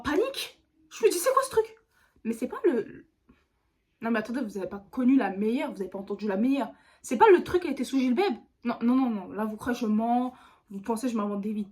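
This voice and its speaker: A woman YouTuber with a slightly high, slightly mellow voice tells a storytime to her viewers. She speaks straight to the camera in a chatty, slangy, casual vlog style.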